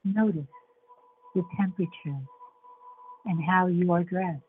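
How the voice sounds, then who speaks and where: A woman leading a guided relaxation meditation in a soothing, measured way, with long pauses between short phrases. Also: lowish voice. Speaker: show host and guided imagery facilitator. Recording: dull lo-fi sound with faint background noise.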